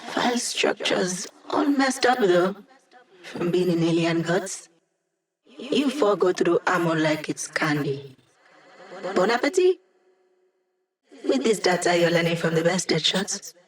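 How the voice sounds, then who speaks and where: Hack, cocky young hacker. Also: female voice, on the low side, expressive, measured pace, long pauses. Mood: teasing. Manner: casual, wry, self-assured, technical. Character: brisk, confident, playfully cocky young female hacker guiding a squad. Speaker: mission support operator in a video game. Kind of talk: scripted video game voice acting.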